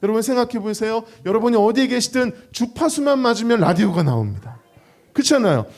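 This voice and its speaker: A male pastor preaches at a praise concert in a high, bright-pitched voice. His pitch swings widely as he tells stories and acts out quotes. He draws the listeners along with a lively storytelling manner. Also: quick pace. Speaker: pastor and gospel singer; radio and online show host.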